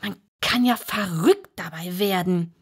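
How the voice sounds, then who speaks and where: A woman's voice: on the low side, measured pace, husky, full character voice. A woman reading an audiobook aloud and voicing a curious young girl who grows more insistent and exasperated. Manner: pleading, increasingly insistent.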